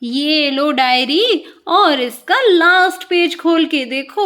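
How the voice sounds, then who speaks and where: Woman doing a sweet old granny in a kids doll story, slow and firm, voice still super high. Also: fairly bright tone, heavily acted. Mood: teasing. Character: kind old grandmother, gently scolding.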